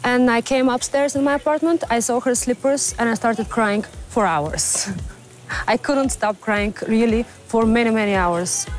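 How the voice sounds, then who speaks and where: A woman's voice: fairly high pitch, measured pace. Woman, English, storytelling, garden interview, lapel mic, music behind. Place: outdoor garden. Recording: music underneath.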